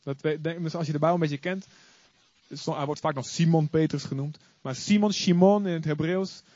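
A high-voiced male pastor preaching an animated sermon and getting the congregation to join in. It is recorded live, with a dry, slightly muffled sound. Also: dry recording. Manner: animated, calls on the congregation to join in, acts out stories. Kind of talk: lively sermon. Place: church before a congregation.

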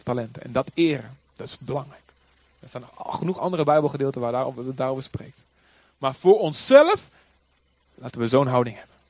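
A man preaching a sermon in a lively, conversational way, joking and acting out quotes. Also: a little high, no echo. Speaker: pastor.

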